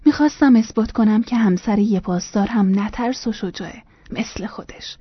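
A woman reads a first-person memoir in a soft, hushed voice that keeps slipping toward a whisper. Her tone is husky and breathy at a middling pitch. The recording is dry, with no room sound, and a little muffled. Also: no room sound. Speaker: narrator.

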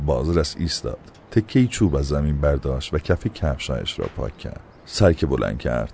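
Man, very deep voice, gravelly, lively, steady storytelling, faint hiss. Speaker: narrator. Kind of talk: scripted story narration.

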